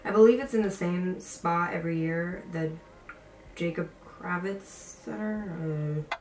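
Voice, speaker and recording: Speaking unhurriedly in a low-leaning voice, a young adult woman vlogs, recounting a story and giving advice with a chatty, casual, emphatic manner. The indoor room has a picture on the wall, and the recording sounds echoey and distant with faint noise.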